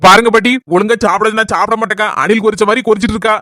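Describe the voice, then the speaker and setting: A woman's voice: medium pitch, steady tone, a bit bright, no echo, clean studio sound, close to an everyday voice. Woman playing a teasing young husband. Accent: southern Tamil Nadu village dialect. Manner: playful, teasing, rapid.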